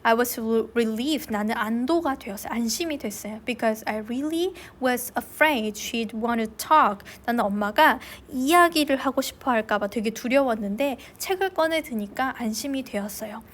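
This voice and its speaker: A woman English teacher reading a novel aloud slowly and clearly, then translating it line by line. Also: fairly high pitch. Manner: slow and clear in English, quicker in Korean.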